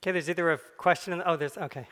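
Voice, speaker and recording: A man's voice: on the high side, steady tone, rapid-fire, a bit bright. A man casually moderating audience questions at a live event. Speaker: session moderator.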